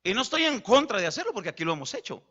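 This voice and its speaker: A man preaching a sermon as pastor, animated and acting out dialogue. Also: sits high, rapid-fire. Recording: dull lo-fi.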